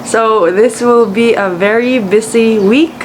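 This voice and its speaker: A woman's voice: a little high, takes it slowly. A woman from the Philippines with a Cebuano Filipino accent, just woken up, chatting casually and rambling as she vlogs, switching between English and Cebuano. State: just woke up. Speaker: vlogger. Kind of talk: casual vlog chat. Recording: clearly noisy room, air-conditioner-like hum.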